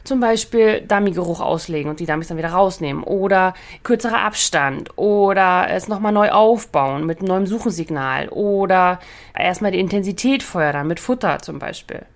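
A woman who trains dogs hosts a casual podcast lesson, chatting in a lively way, often checking in with listeners and laughing between points. Her voice sits fairly low and her pace is moderate.

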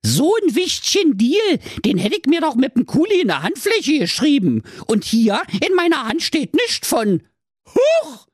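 A narrator voicing a dim-witted, frantic young mother with a Berlin accent in a squeaky, shrieking voice. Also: wildly swooping pitch, unhurried, dry recording, clean studio sound, exaggerated voice. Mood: panicked.

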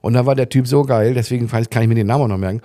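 A middle-aged man chatting casually on a podcast, telling lively stories and acting out other people in quotes. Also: mid-range voice, racing. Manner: animated anecdotes, voices others in quotes. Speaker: podcast guest. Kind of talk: casual storytelling chat.

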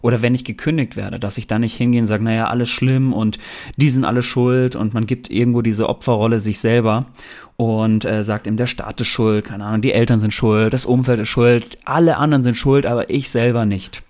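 A man's voice: medium pitch, a little mellow. A man co-hosting a podcast, giving earnest, direct motivational advice in a conversational way. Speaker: podcast co-host.

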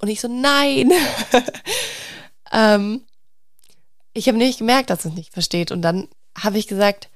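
A woman's voice: medium pitch, dry recording. A young mother speaks frankly and personally to her viewers in a dry, close recording. Her delivery is open and searching, with restarts as she finds her words. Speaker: mother of two speaking to followers. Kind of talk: candid personal vlog confession.

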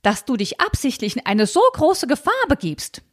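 A woman's voice: fairly high pitch, big pitch swings, moderate pace, fairly bright tone, breathy edge, pitched above the performer's own voice, exaggerated voice. A woman reading aloud and voicing a fussy, anxious, old-fashioned elderly aunt who frets about convention. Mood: fretful. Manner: fretful, scandalized, clinging to convention.

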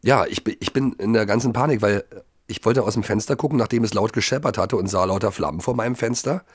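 A man co-hosting a casual podcast chat, retelling a story in an animated way, full of fillers and restarts. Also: lowish voice, fast, slightly rough, dry recording, studio quality. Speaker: podcast co-host. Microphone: remote recording.

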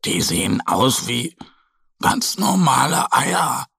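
A man's voice: mid-range voice, sing-song, takes it slowly, vocal fry, sharp tone, slightly rough, no room sound, clean studio sound, voice pushed up, exaggerated voice. A man voicing an eager, curious little bear boy in a children's storybook, in a childlike manner. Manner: childlike, eager and sometimes hesitant.

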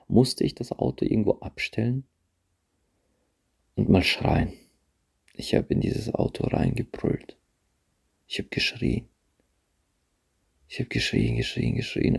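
A man hosting a podcast, talking reflectively to his listeners in a halting way and often repeating himself. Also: lowish voice, vocal fry, dark tone, husky. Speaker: podcast host. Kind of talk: personal monologue to listeners. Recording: handheld phone, voice drifts off-mic at times.

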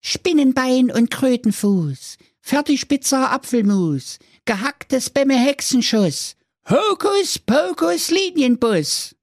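A theatrical young magician in a comic radio fairy tale. The voice is squeezed very high and swoops widely as he declaims. Dry close sound. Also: sing-song, slow pace, dry recording, full character voice. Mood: chanting. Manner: theatrical, grand, incantatory.

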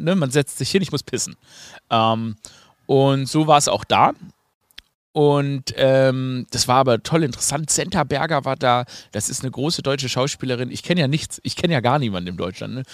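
A male podcast host riffs in a loose, ironic monologue, stumbling over fillers and circling back on himself. His voice sits at an ordinary middle pitch and sounds close and dry, with almost no room around it. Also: dry recording. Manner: ironic, rambling, with many fillers and asides. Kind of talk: casual comedic monologue.

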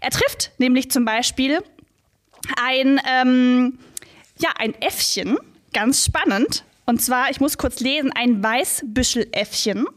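A woman co-hosting a podcast who talks about a children's book in a lively way, often pausing with fillers, and reads passages aloud in small voices. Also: sits high. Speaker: podcast co-host.

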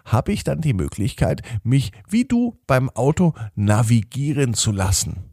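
A man's voice: mid-range voice, sing-song, a little slow, creaky, warm tone, no echo, studio quality, pitched above the performer's own voice, exaggerated voice. A man voicing an eager young girl in a children's storybook, earnestly explaining what she wishes for. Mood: eager, hopeful. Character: eager young girl keen on bike adventures. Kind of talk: storybook character voice in narration.

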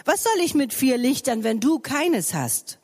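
A gentle young shepherd boy speaks in a raised, childlike voice, played by a woman reading aloud. The sound is slightly breathy and carries a long echo from a hall. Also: sits high, big pitch swings, a little slow, pitched above the performer's own voice, heavily acted. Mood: kind. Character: kind little shepherd boy, about eight.

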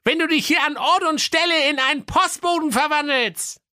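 A man voicing a cheeky, smug talking dog who flatters and taunts in a comic fairy-tale reading. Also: normal speed, no room sound, studio quality, exaggerated voice. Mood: cheeky taunting. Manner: high squeaky falsetto, taunting and wheedling.

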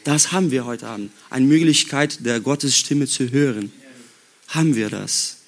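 A young man from Brazil with a Brazilian accent, preaching a sermon at a youth retreat in slow, halting German. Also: medium pitch. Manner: slow, halting German with non-native grammar. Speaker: youth pastor. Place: worship room before a youth audience.

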